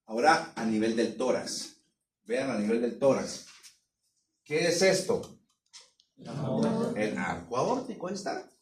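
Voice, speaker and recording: A man teaching a veterinary anatomy class, pausing often to check that students follow. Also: mid-range voice, animated. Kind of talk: classroom lecture. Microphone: distant room mic. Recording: echoey room from far off, some noise.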